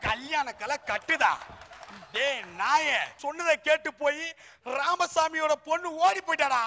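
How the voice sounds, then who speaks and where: A man performing a stage comedy sketch, loud, exclamatory and whiny. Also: very high voice, a little slow. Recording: noisy stage with audience crowd.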